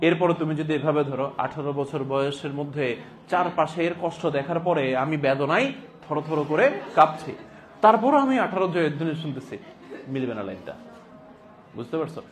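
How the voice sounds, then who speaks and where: A male teacher lectures a classroom in a slightly high voice. He explains by posing questions to the class and answering them himself, slipping in jokes now and then. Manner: explains by asking and answering his own questions, joking.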